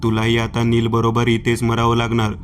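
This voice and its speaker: A man's voice: medium pitch, monotone, moderate pace, slight background noise, close to an everyday voice. A man voicing a vengeful ghost woman of an island cave, cold and taunting, in a horror story.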